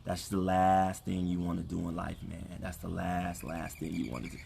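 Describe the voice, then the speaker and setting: A man's voice: low voice, steady tone, moderate pace, gravelly, a little mellow. A man calling from the backyard as co-host of a casual livestream, earnestly encouraging listeners and repeating phrases for emphasis. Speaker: co-host of a relationship ministry livestream. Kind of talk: casual chat with preacherly encouragement. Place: outdoors in a backyard. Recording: some background noise, outdoor livestream.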